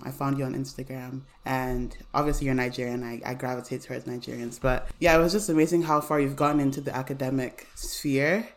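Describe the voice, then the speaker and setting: A woman hosting a podcast, chatting in an upbeat, casual way. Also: extremely low pitch. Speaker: podcast host. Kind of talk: casual conversational interview.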